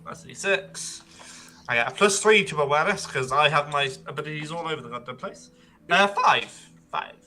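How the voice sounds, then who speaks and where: A man's voice: on the high side, lively intonation, moderate pace, bright, forceful tone. A man playing a tabletop game, chatting casually about his dice rolls as a player. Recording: background music.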